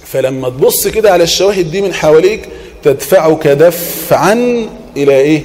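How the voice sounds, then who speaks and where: A man with an Egyptian accent and a slightly high voice gives a sermon, reciting verses slowly and with weight. He swings from loud emphatic points to gentle, hushed reassurance. The recording carries a faint background hiss. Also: lively intonation. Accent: Egyptian Arabic. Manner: asks the listener rhetorical questions and answers them; quotes Quranic verses in a measured chanting tone. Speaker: preacher. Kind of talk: Islamic sermon podcast.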